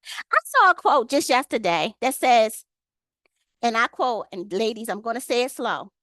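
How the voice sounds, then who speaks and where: A woman's voice: a little high, sing-song, moderate pace, fairly bright tone, dry recording. A woman leading an online Bible study on a video call. She reads scripture aloud, then talks with the group and calls on them by name.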